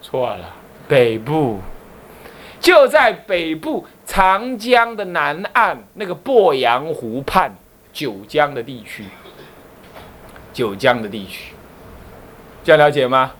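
A man with a Taiwanese Mandarin accent leads a Buddhist lesson in a high, bouncing voice that rises and falls widely. He keeps quizzing his listeners and slips in teasing asides. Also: big pitch swings, slow, pauses often, fairly bright tone. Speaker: Buddhist abbot teaching a class. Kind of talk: lively Buddhist lecture.

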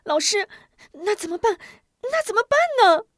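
Woman doing a high, eager young boy. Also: no echo, studio quality. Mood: anxious. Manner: high, quick and excited.

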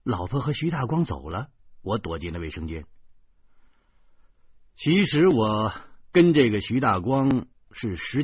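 A man's voice: on the low side, husky, no room sound. A man in his thirties with a Beijing accent, narrating an audiobook in a wry storytelling manner. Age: 30s. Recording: dull lo-fi recording.

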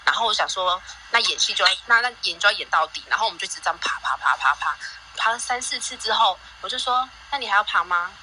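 Mother on a call-in chat, bright tone, halting and rambling delivery. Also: medium pitch, lively intonation, slight background noise, low-quality recording. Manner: rambling, many restarts and fillers. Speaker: guest parent. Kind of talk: casual sharing on a live audio chat.

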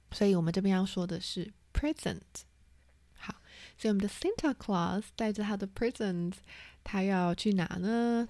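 Slow, mellow-voiced woman teaching vocabulary. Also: mid-range voice, dry recording. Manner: spells words letter by letter, repeats terms. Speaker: English teacher. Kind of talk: vocabulary lesson.

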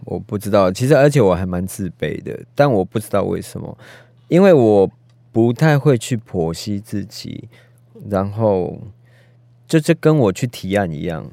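Male interview guest, film director, Taiwanese Mandarin accent; low, lively pitch, halting and self-effacing delivery. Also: no echo. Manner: hesitant, self-deprecating, searching for words. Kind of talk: casual conversational interview.

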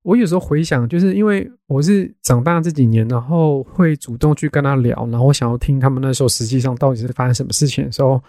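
A young man hosting a podcast, telling a family story in a casual, animated way and dropping in English words. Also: mid-range voice, fast talker, few pauses, no room sound, clean studio sound. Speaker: podcast host.

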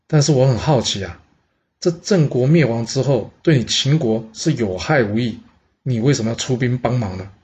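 A man's voice: mid-range voice, normal speed, darkish tone, husky. A man voicing an aging male envoy who reasons earnestly, step by step. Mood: persuasive. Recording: dull lo-fi audio.

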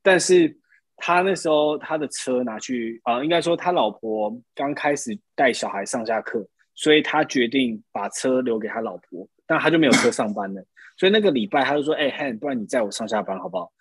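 A man, telling stories in a casual podcast chat, animated, laughing often. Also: medium pitch, moderate pace, husky, no room sound. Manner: animated storytelling with frequent laughs. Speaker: podcast co-host.

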